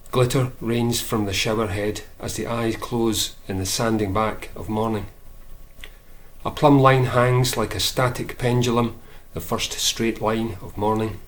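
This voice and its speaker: A man, a poet, reading his own poems aloud in a measured way, lifting his voice for emphasis. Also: fairly low pitch. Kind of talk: poetry reading.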